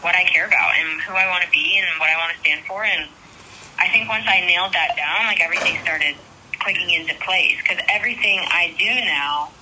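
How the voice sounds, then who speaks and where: A woman's voice: lowish voice, a little fast, bright, forceful tone, slight background noise, rough recording. A young woman who is a singer, chatting casually as a guest in an interview and laughing often. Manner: bubbly, laughs often, says like a lot.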